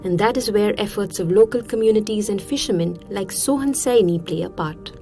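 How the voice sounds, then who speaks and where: A woman delivers scripted nature documentary narration. Her pitch sits in the middle range for a woman, and soft music plays behind her as she tells the story as narrator. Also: fairly quick.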